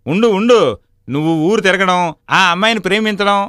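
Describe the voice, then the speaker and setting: A bossy elder brother scolds and threatens in a dubbed film. He talks fast. His voice is high and bright. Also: clean tone, dry recording, clean studio sound. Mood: scolding.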